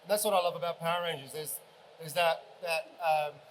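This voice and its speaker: A man's voice: a little high, steady tone, brisk, slight background noise, low-quality recording. A man on a convention panel giving rambling answers full of restarts.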